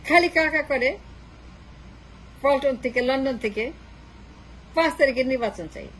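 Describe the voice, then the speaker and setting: Mocking high-voiced woman commentator. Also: unhurried, a little hiss or hum, rough recording. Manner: repetitive, mocking rhetorical questions. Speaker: political commentator. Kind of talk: political monologue.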